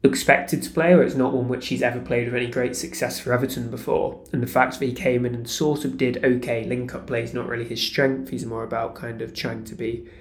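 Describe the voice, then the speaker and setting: Flat-voiced man in an echoey room. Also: mid-range voice, fairly quick, few pauses. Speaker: football pundit. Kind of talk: casual football analysis. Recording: roomy echo.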